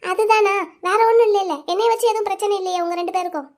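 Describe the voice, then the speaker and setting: A voice actor playing a gentle young wife in a cartoon story, coaxing and questioning her husband. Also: extremely high pitch, steady tone, fast. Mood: pleading.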